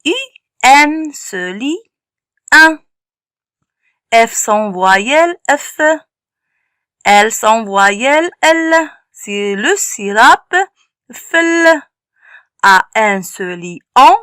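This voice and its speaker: A woman's voice: medium pitch, lively intonation, slow pace, fairly bright tone, smooth, no room sound, studio quality. A woman teaching young children to read, sounding out letters and syllables one by one and stressing each sound. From Morocco. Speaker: primary school teacher. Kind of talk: slow phonics lesson for young children.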